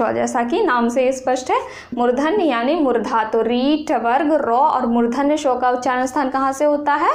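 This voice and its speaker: A young woman with a Bihari accent teaching a grammar lesson, repeating rules slowly and asking the viewer questions. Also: high voice.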